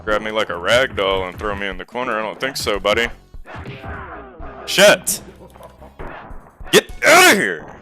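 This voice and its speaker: A man giving live gameplay commentary, sarcastic and frustrated, swearing and yelling at the game. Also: lowish voice, normal speed, long pauses, faint music behind. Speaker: gaming YouTuber.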